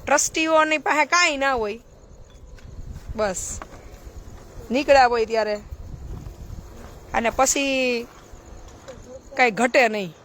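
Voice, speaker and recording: A high-pitched woman speaks bluntly on a live stream, lecturing with rhetorical questions. Faint noise sits under her voice. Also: slow, pauses often, fairly bright tone. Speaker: charity trust social worker. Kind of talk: outspoken live-stream talk.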